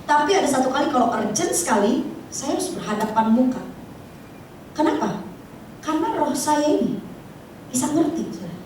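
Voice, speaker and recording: A woman pastor, preaching in a lively, chatty way and often addressing the congregation. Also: high voice, normal speed, long pauses, slight background noise. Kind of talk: sermon. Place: church hall. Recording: echoey hall, distant mic.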